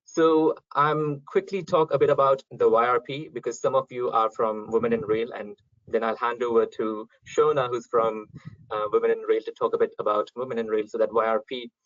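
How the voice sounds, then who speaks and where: Flat-voiced young man hosting a webinar. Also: fairly low pitch, fairly quick, dry recording. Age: young adult. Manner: relaxed, many ums. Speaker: event host, chairman. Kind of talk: online webinar introduction. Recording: dry, dull lo-fi call audio.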